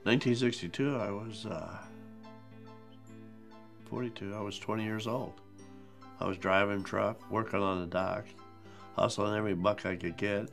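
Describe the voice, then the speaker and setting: A man's voice: lowish voice, fairly even intonation, moderate pace, gravelly, long pauses, faint music behind. A man in his seventies from Ohio, telling his life story in a documentary interview in a matter-of-fact way. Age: 70s.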